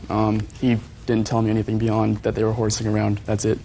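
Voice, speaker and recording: Male plaintiff, even and unvarying delivery, polite, matter-of-fact, some room noise around him. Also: lowish voice, brisk. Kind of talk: courtroom testimony.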